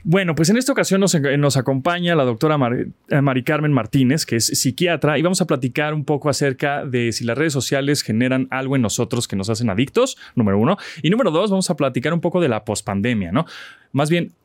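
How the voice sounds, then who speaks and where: A man's voice: mid-range voice, fast talker, no room sound. A man with a Mexican accent co-hosting a podcast, joking and teasing in slangy casual chat. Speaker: podcast co-host.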